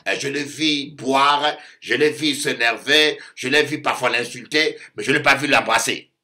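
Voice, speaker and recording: Preaching as a bishop, this man from Africa uses a mid-range voice and lively delivery. He drives points home by repeating phrases and frequently slips into voicing other characters.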